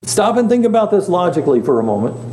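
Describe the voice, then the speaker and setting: Man, pastor, conversational bible lesson, questions to class, mellow voice, echoey church room. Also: high voice, big pitch swings, fast. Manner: asks the class questions, chatty asides. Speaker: pastor teaching a Bible study. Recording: echoey room, faint hum.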